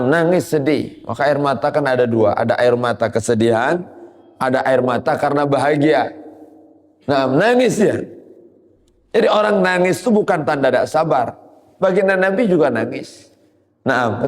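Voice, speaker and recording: Man preaching in an echoing hall. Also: medium pitch. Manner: moves between quoted Arabic and explanation, rising emphasis. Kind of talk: Islamic sermon.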